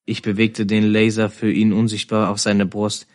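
A man reads a first-person novel aloud. His voice is low and stays in a narrow pitch range. He reads in a measured, steady way. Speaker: reader.

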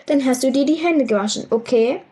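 A patient, firm storybook mother calling out to her child, voiced by a woman reading aloud. The voice is pitched up high and calls across the distance. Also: a little fast, dark tone, lightly acted.

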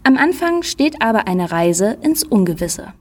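A woman presenter introduces a children's book. Her voice moves a lot in pitch. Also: big pitch swings, unhurried. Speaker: library presenter.

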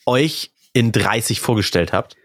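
A man's voice: fairly low pitch, measured pace, no echo, clean studio sound. A man in his thirties co-hosting a podcast in casual chat, playful and joking as he leads the topics. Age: 30s. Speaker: podcast co-host.

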